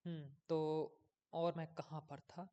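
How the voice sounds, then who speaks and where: A man's voice: a little high, flat delivery, measured pace, dark tone, highs cut off. A man giving a casual coding tutorial, thinking aloud as he works, often losing his place and checking in with viewers.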